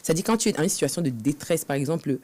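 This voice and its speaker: A woman's voice: sits low, animated, very fast, warm tone. A woman guest telling her own story in an interview, earnest and acting out past conversations, recorded on a podcast studio set. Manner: earnest, acts out past dialogue. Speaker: guest author.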